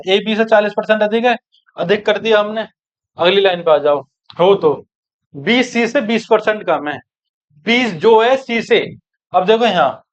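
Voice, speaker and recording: A man teaching an exam-prep maths lesson, brisk and coaxing, who keeps checking that his students follow. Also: high voice, dull audio.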